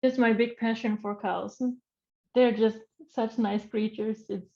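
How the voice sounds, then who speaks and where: A woman's voice: on the high side, steady tone, a little slow, creaky, warm tone, highs cut off. A young woman with a Dutch accent, a researcher speaking English in a cheerful, easygoing interview chat over a video call. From Netherlands. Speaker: animal welfare researcher, guest.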